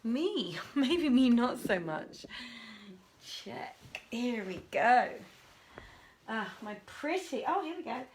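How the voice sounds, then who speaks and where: Here the host's voice sits high and is very animated, yet she speaks slowly with long pauses, chatting and muttering apologetically during a live online reading. The livestream comes from a home room with a desk and piano, with soft music behind and slight background noise.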